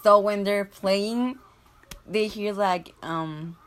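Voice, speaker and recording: An eighteen-year-old woman being interviewed, talking casually and haltingly with lots of fillers. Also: medium pitch, slight background noise.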